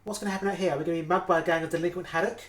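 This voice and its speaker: A man's voice: sits high, steady tone, racing, a bit bright. A man doing a flustered bumbling spy. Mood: dismissive. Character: bumbling posh male spy in an advert. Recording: roomy podcast recording with music.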